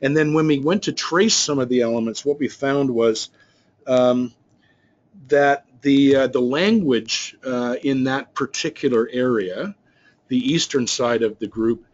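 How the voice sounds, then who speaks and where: This business trainer's webinar slide walkthrough comes across as rambling, with frequent restarts and fillers. He speaks at a measured pace in a mid-range voice, and the sound is lo-fi.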